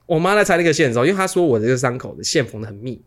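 A man, co-hosting a podcast and telling a rambling, animated story full of restarts. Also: mid-range voice, racing. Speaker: podcast co-host. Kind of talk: casual storytelling chat.

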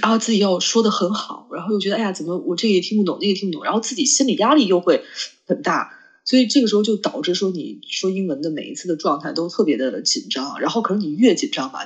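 Husky-voiced woman chatting casually. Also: lowish voice, dull audio. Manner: rambling, many fillers and restarts. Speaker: podcast co-host. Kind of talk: casual chat between friends.

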